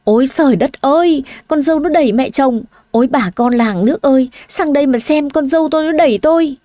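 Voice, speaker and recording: A woman's voice: high-pitched, animated, a little fast, darkish tone, no echo, clean studio sound, voice pushed up. A woman voicing a spiteful, bullying older mother-in-law who scolds and wails theatrically. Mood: wailing.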